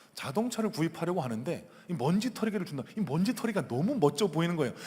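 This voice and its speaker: Casting note: male pastor, high and very expressive voice, sermon in a church with long hall reverb. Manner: animated, acts out the disciples' banter in casual voices. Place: church sanctuary.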